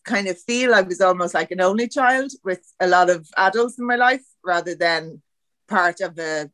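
A woman's voice: fairly low pitch, moderate pace, fairly bright tone, no room sound. A woman from Dublin with a Dublin accent, a podcast guest talking freely and laughing often. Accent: Dublin Irish. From Dublin, Ireland. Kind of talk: casual interview chat.

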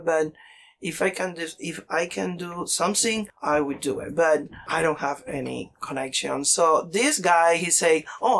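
Cuban guy, spanish accent, forties, fairly high voice, chatty and animated, broken english with lots of ums, acts out what people said. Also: creaky. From Cuba. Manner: animated, acts out other people's lines while telling a story; broken English with frequent fillers and restarts. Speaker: interview guest. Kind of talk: conversational storytelling.

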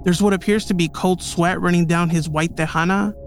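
A man's voice: high voice, steady tone, brisk. A man hosting a podcast, telling a true story in scripted documentary narration. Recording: music bed behind the voice.

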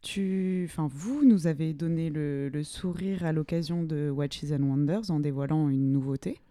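A woman co-hosts a casual interview in a fairly low, very dark voice with a dry sound. She guides the conversation and explains things for the listeners. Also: moderate pace, dry recording. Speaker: podcast co-host.

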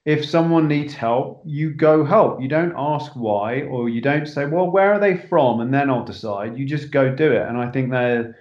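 A film director appears as a podcast guest in casual interview talk, speaking earnestly with many restarts. His mid-pitched voice is a little mellow, at normal speed with few pauses, over an echoey, dull remote line.

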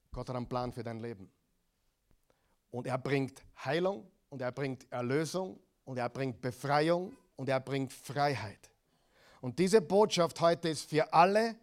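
A middle-aged man preaching a sermon, swinging between loud dramatic passages and quiet intimate ones, asking his listeners direct questions. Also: mid-range voice. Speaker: pastor.

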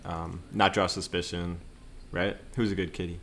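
Brief: deep-voiced male gamer, relaxed, thinks out loud. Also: moderate pace, gravelly, a little hiss or hum. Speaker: player. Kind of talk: casual tabletop play.

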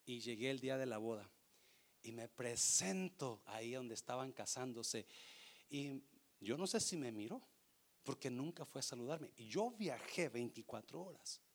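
A man preaching a sermon, swinging between loud emphatic lines and soft, hushed storytelling, with bits of English mixed in. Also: medium pitch, animated, normal speed.

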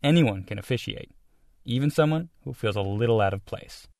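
A male radio reporter narrating a scripted news feature in a measured storytelling delivery. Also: medium pitch, animated, creaky, darkish tone, no room sound, studio quality.

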